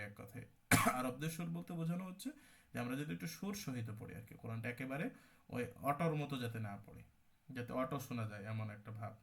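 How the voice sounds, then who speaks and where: Gravelly-voiced man teaching Quran recitation. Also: medium pitch, fairly bright tone. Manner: explanatory, repeats terms and asks the class questions. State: coughing now and then. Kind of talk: online tajweed class lecture.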